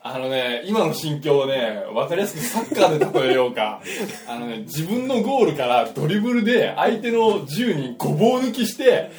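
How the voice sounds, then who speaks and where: A man's voice: on the high side, sing-song, crowd noise. Joking man in a roomy podcast mix. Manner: quick joking retorts and comic asides. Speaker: podcast co-host. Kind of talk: casual comic chat.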